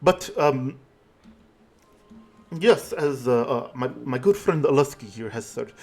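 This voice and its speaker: A man's voice: mid-range voice, animated, takes it slowly, a little mellow, faint music behind. A man voicing a chatty, friendly male ally in a tabletop game, fussing with concerned questions.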